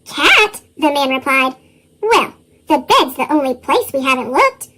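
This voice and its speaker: A storybook narrator whose voice is run through a sped-up chipmunk effect, reading a tale aloud with lively chuckles in the dialogue. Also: unhurried. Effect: sped-up, pitched-up chipmunk voice.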